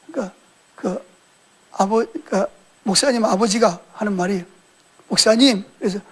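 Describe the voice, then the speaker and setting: A man's voice: sits high, breathy edge. A male pastor preaching a sermon in a colloquial storytelling way, acting out quoted dialogue as he retells events.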